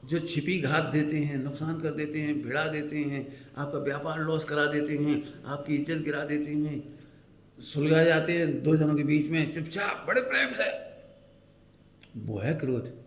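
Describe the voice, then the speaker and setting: A fairly high-voiced man delivers a lively sermon from India, slipping into scolding voices as he tells a family story. He keeps checking that his listeners follow. The sound rings around an echoey hall. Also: normal speed. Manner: lively storytelling, acting out scolding mother-in-law and child; asks the audience questions often. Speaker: Jain preacher.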